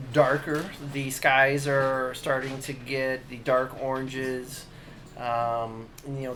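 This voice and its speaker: A man narrating a tabletop game as dungeon master, halting and full of fillers. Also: medium pitch, fairly bright tone, a little hiss or hum. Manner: halting, many fillers and restarts.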